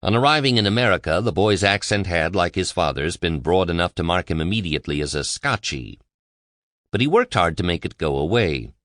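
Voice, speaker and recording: A man reading a biography aloud as an audiobook narrator, in a measured, even delivery. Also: sits low, no echo, studio quality.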